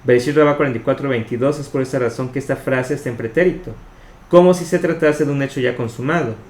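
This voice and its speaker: Man, mid pitch, measured explanatory reader of a study text, roomy echo. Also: a little mellow. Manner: measured, explanatory, spells out Hebrew terms. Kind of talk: reading a commentary aloud. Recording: echoey room with faint noise.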